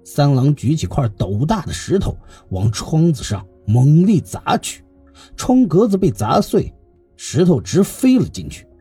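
A man narrating a classical tale in a lively, expressive reading as the storyteller of his channel. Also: on the high side, unhurried, slightly rough, soft background music.

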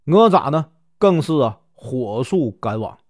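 A man's voice: mid-range voice, very animated, unhurried, darkish tone, dry recording, studio quality. A man with a Northeastern Mandarin accent retelling a classic novel in a casual way, stretching out filler particles between phrases. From Northeast China. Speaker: storyteller.

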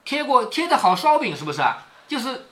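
A man's voice: very high voice, big pitch swings, brisk, pushed and bright. A man reading a classic novel aloud to his daughter, stopping often to explain it in a chatty way with frequent tag questions.

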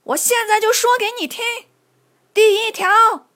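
Woman putting on a very high, sly mocking ruler, storybook voice. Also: measured pace, sharp tone, full character voice. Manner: mocking, shrill and exaggerated. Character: sly mocking male ruler, quick-tongued.

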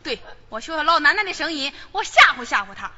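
An actress playing a cheeky young maidservant in a Henan opera, talking back in a saucy comic Henan accent. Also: female voice, high voice, very animated, fast talker, long reverb tail, heavy background noise. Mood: plotting. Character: cheeky young maidservant with big feet, bold and playful. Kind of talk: Henan opera stage performance, comic spoken dialogue. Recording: dull lo-fi stage recording with opera music.

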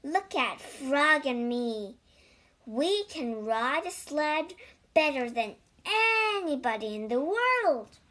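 Storybook toad, female reader: stubborn, anxious grumbler, high voice with big swings. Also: big pitch swings, slow, fairly bright tone, exaggerated voice. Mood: excited. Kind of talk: children's storybook reading.

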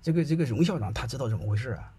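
Husky-voiced middle-aged male storyteller, chatty and colloquial, keeps checking in with the audience. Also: mid-range voice, expressive, very fast, mellow. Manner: chatty, colloquial, often checks that listeners follow. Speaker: speaker telling anecdotes.

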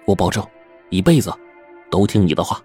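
A man's voice: low voice, lively intonation, fairly quick, warm tone, soft background music. A man doing an earnest, simple-hearted young husband. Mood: eager. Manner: earnest, plain speech.

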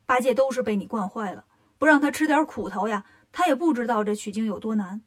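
A woman's voice: fairly high pitch, animated, fast. A woman voicing a cocky, mischievous monkey king who teases and tricks his companion, in a storybook reading. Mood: teasing. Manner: cocky, teasing, sly.

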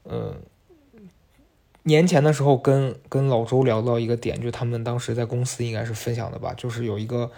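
A man's voice: medium pitch, steady tone, a little fast, creaky, mellow. A young man hosting a podcast, telling a personal story in a chatty, confiding way and speaking straight to his listeners. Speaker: podcast host. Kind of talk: casual storytelling monologue.

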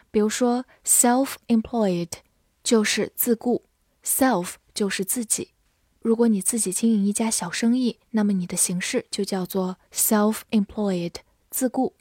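A woman teaching an English vocabulary lesson, spelling words letter by letter and reading example sentences slowly. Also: medium pitch, a little mellow, no echo, studio quality. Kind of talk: vocabulary lesson with slow read-alongs.

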